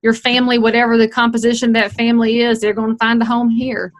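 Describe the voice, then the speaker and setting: A woman's voice: fairly high pitch, flat delivery, fast talker. A woman, speaking as a guest in an interview, emphatic and folksy. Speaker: real estate broker, podcast guest. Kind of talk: conversational interview.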